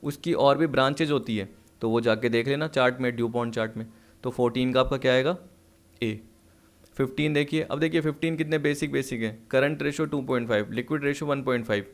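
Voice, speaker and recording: A man's voice: medium pitch, fast. A man teaching accounts, working through exam questions by asking and answering his own questions, at times short of breath. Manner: asks and answers his own questions, mixing English terms. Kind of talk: solving exam questions on a lesson video.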